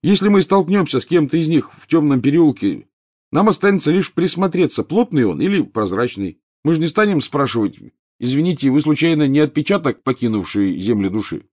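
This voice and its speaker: A man's voice: on the high side, lively intonation, fairly quick, darkish tone, voice pushed up. A man voicing a cheeky, joking teenage schoolboy.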